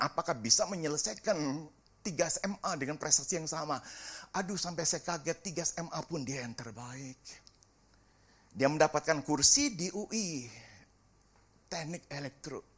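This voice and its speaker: A middle-aged man, a pastor preaching a sermon and telling a family story with lively acted-out dialogue. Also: fairly high pitch, slightly rough. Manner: animated storytelling, acts out family dialogue, sings briefly.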